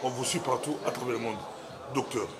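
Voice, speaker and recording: A man hosting an interview at a busy event, with an enthusiastic delivery in a mid-pitched voice. He repeats his phrases as he talks. A loud crowd is heard around him. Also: fairly even intonation, a little fast. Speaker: pastor and interviewer. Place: economic forum venue.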